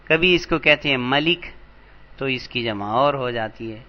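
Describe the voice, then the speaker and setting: A man's voice: mid-range voice, dull audio. Patient man teaching Arabic grammar. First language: Urdu. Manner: patient, repeats words slowly for emphasis. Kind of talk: lecture explaining vocabulary.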